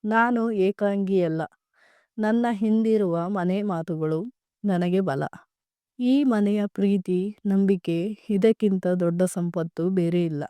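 A woman's voice: medium pitch, takes it slowly, warm tone, clear, resonant tone, dry recording, close to an everyday voice. Woman voicing earnest young daughter, storybook. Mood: thoughtful.

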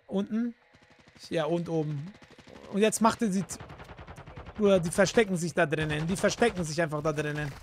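With a fairly high-pitched voice at a moderate pace, a man streams a game live, talking casually while grumbling, cursing and using slang. He's indoors at his gaming setup, speaking into a close desk mic with a headset, and there's slight background noise.

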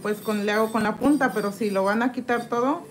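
A Mexican nail tech streamer talks fairly quickly in a slightly high voice, with a bit of background noise. At her indoor nail desk she files acrylic off her own nails and keeps up casual live-stream chatter, reading viewer comments aloud and greeting each commenter by name while she works.

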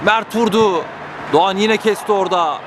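A man giving live football play-by-play in short, clipped phrases. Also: moderate pace. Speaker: football match commentator. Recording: noisy outdoor pitch recording.

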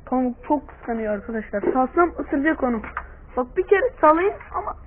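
A high-pitched man chats casually to his viewers while coaxing and scolding his dogs in a cooing tone. The sound is thin and tinny, as if captured on a phone line. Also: big pitch swings, normal speed, background noise. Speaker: vlogger with pet dogs. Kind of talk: casual vlog chat.

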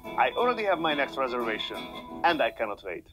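A man narrates a fine-dining review in a measured, upbeat voice-over, and his pitch moves a lot from line to line. Guitar music plays clearly under him. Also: sing-song, poor audio. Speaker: food video narrator. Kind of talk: scripted narration. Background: background music.

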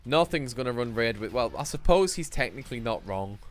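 A man's voice: mid-range voice, expressive, fairly quick. A young man streaming a game live, chatting to himself and his viewers in a playful, profane way. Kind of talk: live gameplay commentary.

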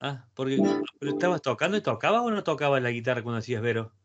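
A man's voice: mid-range voice, expressive, very fast, lo-fi sound. A man with an Argentine accent giving an online guitar lesson over a video call. He coaches the student and chants repeated syllables to count out rhythms. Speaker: guitar teacher. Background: guitar playing.

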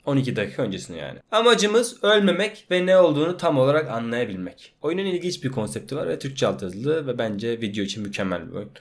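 A man from Turkey doing gaming reaction commentary for his channel. He cracks crude jokes and dubs the characters' lines as he plays. His pitch is animated and lively. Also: fast talker, hardly any pauses. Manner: crude joking, dubs game lines in Turkish. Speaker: gaming YouTuber. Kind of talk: let's play reaction commentary.

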